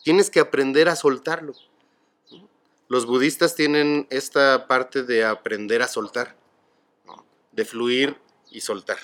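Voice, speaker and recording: A middle-aged man with a Mexican accent, a podcast guest who speaks calmly and reflectively about grief. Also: medium pitch, slow pace, long pauses. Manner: calm, explanatory, philosophical. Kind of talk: reflective conversation.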